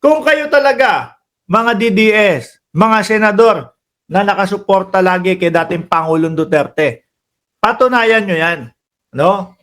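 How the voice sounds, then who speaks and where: A Filipino-accented man hosting a casual political commentary stream, chatty and quick to laugh, calling out to his viewers. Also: high voice, fairly bright tone. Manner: chatty, laughs often, addresses viewers as bossing and kababayan. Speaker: political commentary livestream host.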